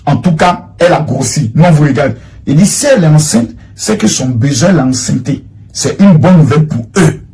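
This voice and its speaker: Husky animated man commentating. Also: fairly high pitch, moderate pace. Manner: animated, rambling, repeats himself while searching. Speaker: online commentator. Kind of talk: livestream commentary reading chat screenshots.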